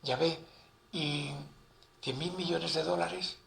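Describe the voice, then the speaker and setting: A man's voice: on the high side, steady tone, takes it slowly, creaky, a bit bright, full character voice. A man voicing a humble man praying to God, hesitant and pleading, in a lightly told classroom joke. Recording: echoey room, faint ambient noise.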